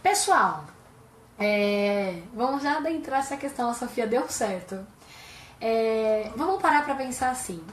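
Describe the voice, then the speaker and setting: A woman's voice: a little high, echoey room, slight background noise. A Brazilian woman psychologist explaining things in a live-stream chat, asking rhetorical questions as she goes. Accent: Brazilian Portuguese.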